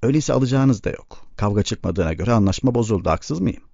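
A measured, stern camp leader, read by a man in his own low, dark voice. He speaks with quiet authority. The recording sounds dull and lo-fi. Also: animated, gravelly, no room sound. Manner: measured, stern but restrained.

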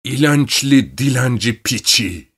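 A man's voice: medium pitch, animated, slow pace, a bit bright, breathy edge, pitched above the performer's own voice, heavily acted. A man voicing a cold, miserly old man who snaps harshly. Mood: furious. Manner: harsh, snapping.

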